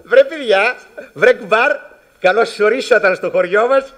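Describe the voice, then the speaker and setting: An actor playing a hearty village man welcoming city friends in an old comic sketch, loud and exclamatory. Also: sits high, soft background music. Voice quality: rustic, exclamatory. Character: hearty rustic village man, generous and eager.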